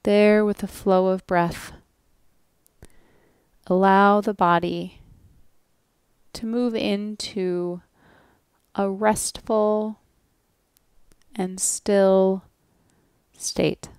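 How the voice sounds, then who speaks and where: Speaking in a steady tone, this woman guides yoga nidra at an unhurried, very slow pace, her soothing directions separated by long silences. Her voice is medium-pitched, smooth and clear, recorded close and dry without echo.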